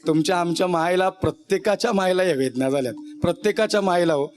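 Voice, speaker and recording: A man's voice: high-pitched, quick pace, soft background music. A man preaching a devotional kirtan sermon in an emotional, rustic style, addressing the audience directly.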